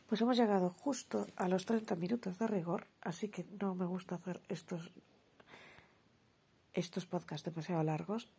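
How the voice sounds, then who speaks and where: A woman hosts a solo podcast in a frank, chatty way, often correcting herself. Her voice sits low and has a gravelly, husky grain. She checks in with the listener as she explains. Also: dark tone. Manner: chatty, frank, self-correcting, keeps asking "vale". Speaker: podcast host. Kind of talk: solo podcast talk on relationships.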